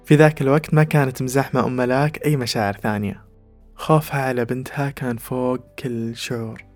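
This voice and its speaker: A man giving scripted podcast narration in a calm, measured delivery. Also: mid-range voice. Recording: faint music underneath.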